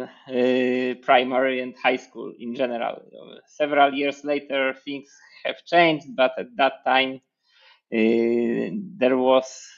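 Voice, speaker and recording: A man in his forties from Poland with a Polish accent, speaking as an interview guest in a measured, hesitant way with many fillers. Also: medium pitch, lo-fi sound. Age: 40s. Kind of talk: interview over video call. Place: room with hexagon panel wall. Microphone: headphones with mic on video call.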